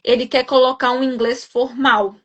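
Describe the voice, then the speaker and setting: In a live stream chat, a young woman guest nurse educator with a Minas Gerais accent, from that Brazilian state, reassures and explains, frequently ending with tag questions. Her high, fairly bright voice stays flat in pitch at a normal speed, and the highs are cut off.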